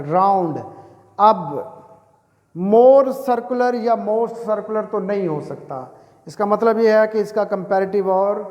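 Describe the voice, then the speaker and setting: Slow, high-voiced male English teacher. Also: a little mellow. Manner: slow, deliberate dictation of English examples, then explains each in detail; asks the class questions and answers them himself. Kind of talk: grammar lesson. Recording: echoey room with long reverb.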